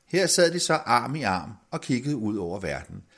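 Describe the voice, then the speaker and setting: A man narrating a fairy tale with expressive, sweeping intonation. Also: mid-range voice, slightly rough. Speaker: storyteller.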